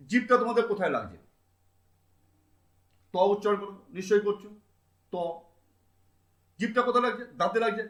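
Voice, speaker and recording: A man's voice: high voice, fairly bright tone, echoey room. A male teacher giving a grammar lesson, sounding out consonants one by one, asking his students questions and answering them himself.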